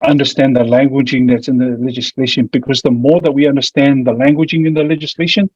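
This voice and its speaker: Man, broad New Zealand accent, husky voice, hesitant informal presenter, dull muffled audio. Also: mid-range voice, fairly even intonation, quick pace, a little mellow. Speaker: presenter, family violence mediator. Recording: muffled, echoey room audio.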